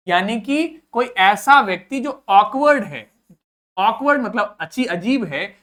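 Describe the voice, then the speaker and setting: A man's voice: high-pitched, fairly bright tone. Patient man teaching vocabulary, repeating words. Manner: explains patiently, repeats each word for students to echo; switches between Hindi and English readings. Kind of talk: vocabulary lesson.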